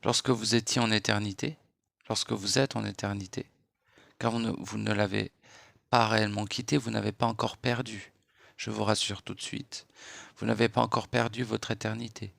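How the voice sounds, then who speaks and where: A man giving a late-night spiritual monologue in a hushed, unhurried voice, lecturing and posing rhetorical questions. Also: fairly low pitch, level tone, gravelly, dry recording. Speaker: spiritual speaker.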